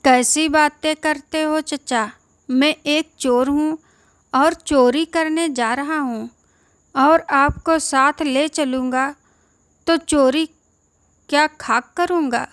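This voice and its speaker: A woman's voice: high voice, steady tone, takes it slowly, dry recording, studio quality. A woman voicing a kind-hearted young male thief who speaks politely and plainly. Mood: incredulous.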